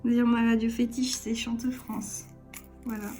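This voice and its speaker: Seated at a table in her home, a young vlogger talks to camera in a giggly, self-deprecating, casual way. She speaks unhurriedly in a fairly high, level voice while soft music plays faintly beneath.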